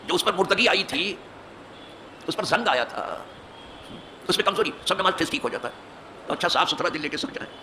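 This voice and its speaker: An imam preaches from a mosque pulpit, his voice bright, sharp and somewhat high. He drives points home with rhetorical questions and rising emphatic bursts. Faint street noise sits underneath. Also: animated, pauses often. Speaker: mosque imam giving hadith lesson. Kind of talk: Urdu hadith sermon.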